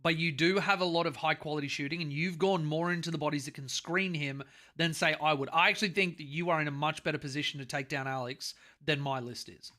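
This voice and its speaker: An Australian man hosts a relaxed gaming podcast, talking in a bright, forceful voice that sits a little high for a man. He is animated and drops casual swearing as he chats over a call. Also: fast talker. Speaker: podcast host.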